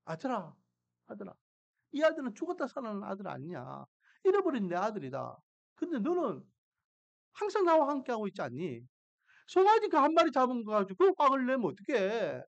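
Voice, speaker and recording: 설교 중 한 남자 목사가 비유 속 아버지를 연기하며, 들뜬 목소리로 재촉하고 달래는 말투를 들려준다. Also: male voice, high voice, a little fast, vocal fry, dull audio, full character voice. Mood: coaxing. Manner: excited, urging, raised voice. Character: father in a parable, jubilant and pleading.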